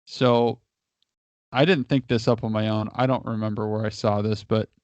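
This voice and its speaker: A man's voice: lowish voice, flat delivery, normal speed, no room sound. A married man, a guest, giving casual advice in a long explanation, often restarting and repeating his words. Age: adult, married. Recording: dry, dull lo-fi audio.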